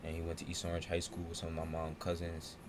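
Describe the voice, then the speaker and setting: A young man talks through family and local history in a relaxed, slang-filled podcast chat. His voice sits very low. There is clear room noise behind him. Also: fast talker. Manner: laid-back slang-heavy storytelling. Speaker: podcast co-host. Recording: noisy room ambience.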